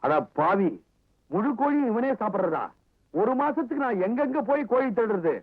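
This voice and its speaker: An actor playing a sly, stingy moneylender husband who schemes and talks brusquely, on a dull old film soundtrack. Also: male voice, extremely high pitch, expressive, moderate pace. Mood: scheming.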